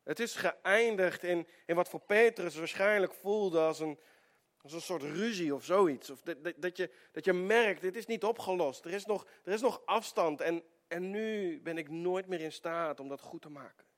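A male preacher telling a story during a sermon in an earnest way, with stammering restarts, often dropping into a hushed tone. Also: high-pitched, moderate pace.

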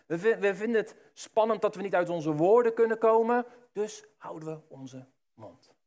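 A man preaching a sermon, addressing the listeners directly and swinging between hushed and loud. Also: high-pitched, expressive, moderate pace.

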